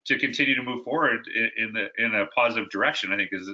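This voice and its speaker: A man's voice: lowish voice, fast, sharp tone, lo-fi sound. A man who is a guest educator, telling stories in a conversational interview, often restarting his sentences.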